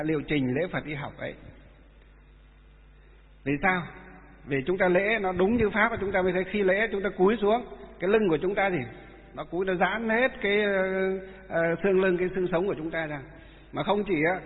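A man, a Buddhist monk giving a dharma talk and telling stories, with many halting filler sounds. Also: sits high. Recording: echoey hall, tinny phone-like sound.

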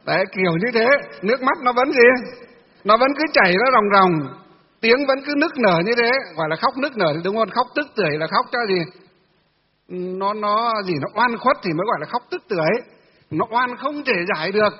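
A Buddhist monk gives a chatty dharma talk to a temple audience, asking questions and answering them himself amid many filler sounds. His high-pitched voice is animated, fairly quick and breathy-edged, captured in a dull, distant, reverberant hall recording.

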